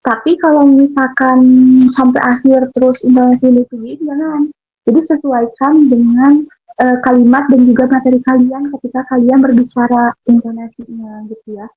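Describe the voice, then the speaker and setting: Young woman student chatting through speaking tips, kinda high voice, lots of umms, tinny phone-ish sound. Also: fairly even intonation, normal speed, faint music behind. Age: young adult. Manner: chatty, with frequent fillers and restarts. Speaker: university student sharing public speaking tips. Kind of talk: casual instructional talk.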